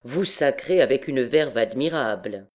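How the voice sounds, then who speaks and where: A woman's voice: rumbling low, lively intonation, a little slow, darkish tone. A woman voicing a cocky young male student who talks in a teasing, haughty way.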